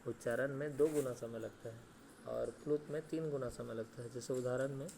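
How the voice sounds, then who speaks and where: A man teaching a grammar lesson who asks questions and answers them himself, often adding "ठीक है" and "है ना", and draws out sounds slowly to show them. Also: mid-range voice, fairly even intonation, vocal fry, mellow, slight background noise.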